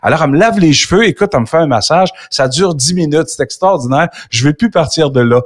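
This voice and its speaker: An older Québécois man hosts an interview and spins a casual anecdote, acting out the lines of the people in it. His pitch swings widely and his tone stays lively. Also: fast, slightly rough. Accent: Québécois French. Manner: animated anecdote-telling with quoted dialogue. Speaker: interview host.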